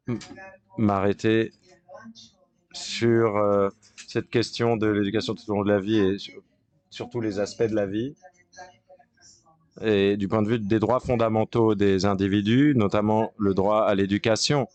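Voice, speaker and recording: This conference interpreter's simultaneous rendering of a panel is halting, full of pauses and false starts. He speaks with a lowish, darkish voice and a steady tone.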